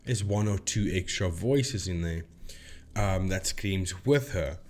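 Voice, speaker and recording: Slow and low, with a darkish tone, a man explains things casually on his paranormal debunking video channel. He often stops himself to put things another way.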